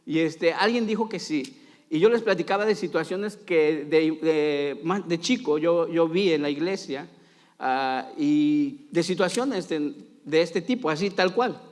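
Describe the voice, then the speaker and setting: A man preaching a sermon in a church, dramatic, swinging from loud pleading to quiet asides. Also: a little high, a little slow. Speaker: pastor. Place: church sanctuary. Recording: long hall reverb.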